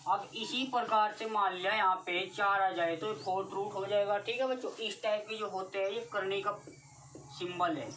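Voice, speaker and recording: A woman's voice: mid-range voice, steady tone, normal speed, fairly bright tone. A woman teaching a class-nine math lesson, repeatedly asking her students questions. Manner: repetitive, keeps questioning students. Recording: distant mic with faint noise.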